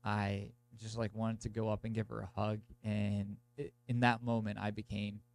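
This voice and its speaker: Fairly low-pitched, flat and delivered at normal speed with vocal fry, this young man's voice opens a podcast episode. He's congested with a cold, blocked nose and sore throat, and his monologue is casual, meandering and full of "like".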